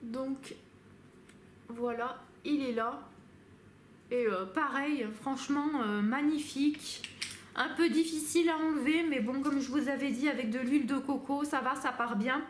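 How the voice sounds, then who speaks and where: A woman vlogger chats through a casual makeup review in a high, leisurely voice, full of hesitations and restarts. She sounds like she is recording in an echoey room at home. A faint hum of ambience sits behind her. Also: normal speed. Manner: hesitant, many fillers and restarts. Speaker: beauty vlogger.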